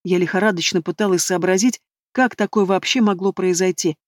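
A woman reading a first-person novel aloud as narrator, in steady, even storytelling. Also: on the low side, a little fast, no room sound. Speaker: audiobook narrator. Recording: dry close studio sound.

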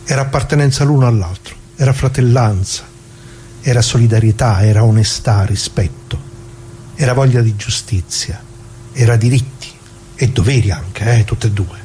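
With a warm, medium-pitched voice and a bit of hiss or hum in the background, an actor lightly performs a radio theatre monologue. His character, a proud, nostalgic older working-class communist, talks in halting, everyday speech, earnestly repeating his words.

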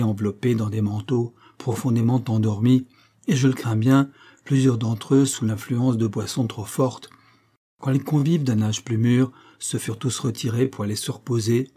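Dark-voiced male audiobook narrator. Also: medium pitch, breathy edge. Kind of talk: scripted literary narration.

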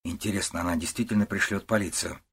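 Male narrator as a restrained young husband, soft-spoken and steady, husky. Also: low-pitched, fast. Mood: modest. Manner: quiet, calm, restrained.

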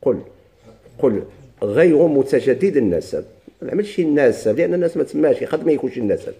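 A man with a Moroccan Arabic accent teaching a grammar lesson, repeating each word slowly for his students. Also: mid-range voice, very animated, gravelly, warm tone. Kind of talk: classroom lesson.

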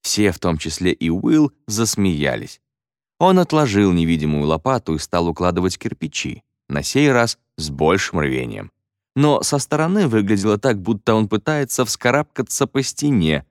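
Male audiobook narrator, playful and expressive, deep voice with lively melody. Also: dry recording, clean studio sound.

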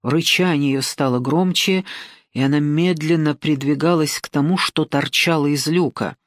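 A woman reading an audiobook in steady scripted narration, with even pacing and wry asides. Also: sits low, moderate pace, dry recording, studio quality.

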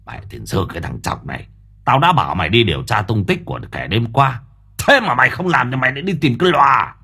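A man voicing a hot-tempered exorcist in an audiobook, gruff and given to cursing. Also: medium pitch, very animated, quick pace, sharp tone, full character voice. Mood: angry. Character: hot-tempered middle-aged male exorcist.

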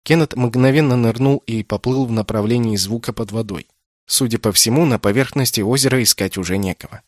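Measured male audiobook narrator. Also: medium pitch, no room sound, clean studio sound. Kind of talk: scripted narration.

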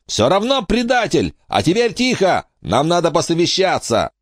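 A man's voice: on the high side, huge pitch swings, moderate pace, dry recording, studio quality, pitched above the performer's own voice. Man voicing a bossy boy ringleader. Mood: commanding. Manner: commanding, giving orders. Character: bossy boy gang leader, stern and commanding. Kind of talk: audiobook character voice.

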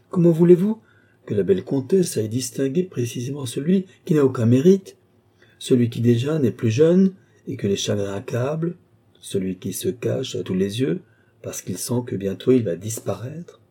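A man's voice: mid-range voice, animated, normal speed, warm tone, husky. A man reading an audiobook, voicing a guarded, eloquent duke in middle age who speaks in long, earnest, courtly speeches. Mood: declaiming. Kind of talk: audiobook reading of a classic novel.

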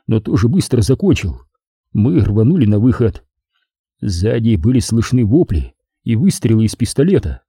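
A man narrating a first-person war story as an audiobook reader, in steady storytelling. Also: medium pitch, husky, dry recording, studio quality. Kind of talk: audiobook reading.

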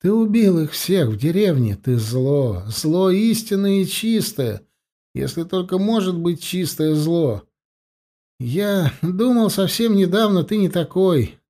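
A male reader doing a frightened, whiny mage who swings between accusation and self-pity. The voice sits well above his usual pitch and leaps around. It has a warm, dark colour. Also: lively intonation, slow, full character voice. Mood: accusing. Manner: pleading, plaintive outbursts. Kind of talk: audiobook character voicing.

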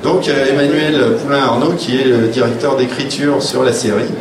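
Speaking at a moderate pace with fairly even intonation and a mid-range voice, this author recounts anecdotes on a panel. His style is informal, blunt and dry, and he acts out what others said. The public round table in a room is recorded from a distance, sounding roomy with clear noise.

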